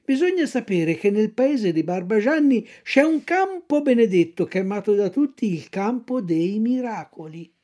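A woman voicing a sly, smooth-talking male fox swindler in a storybook reading, coaxing and theatrical. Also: mid-range voice, very animated, a little slow, hardly any pauses, warm tone, pitched above the performer's own voice.

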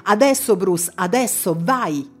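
A woman's voice: mid-range voice, lively intonation, slow, slightly rough, soft background music. A woman reading an audiobook, voicing an insistent middle-aged mother who coaxes and pushes firmly. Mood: coaxing. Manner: firm, coaxing, pushy.

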